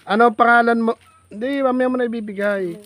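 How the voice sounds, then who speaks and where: A man's voice: very high voice, steady tone, quick pace, fairly bright tone, no room sound. Playful man teasing a child outdoors. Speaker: vlogger. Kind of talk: casual teasing chat with a child. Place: outdoors in farm fields.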